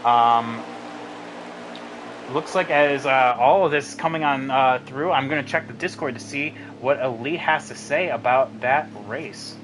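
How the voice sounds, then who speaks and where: A man's voice: mid-range voice, a little slow, background noise. A young man with a sick voice giving casual, filler-heavy live commentary on an online sim race. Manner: casual, many fillers, excited at race finish.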